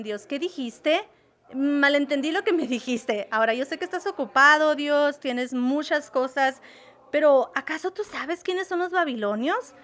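Woman acting out an exasperated prophet. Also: high voice. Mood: bewildered. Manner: excited then bewildered, pleading. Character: exasperated male prophet arguing with God.

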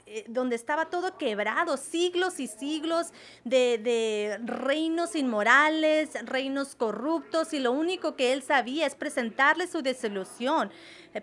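A woman's voice: sits high, fairly bright tone. A woman preaching a sermon in a conversational way, often checking in with her listeners. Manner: conversational, asks "verdad?" often.

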